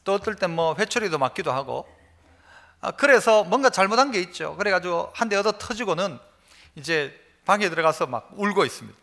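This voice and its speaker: Preaching emphatically to his church congregation, this pastor speaks in a high, animated voice that is fairly quick, creaky, pushed, and bright. He makes his point through storytelling with homely examples and gets the people to repeat phrases.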